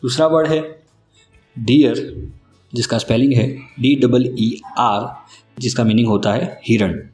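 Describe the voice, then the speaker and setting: A man giving a scripted vocabulary lesson, spelling out each word slowly and carefully, letter by letter. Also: medium pitch, steady tone, a little mellow. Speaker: English vocabulary teacher. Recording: echoey room with faint music underneath.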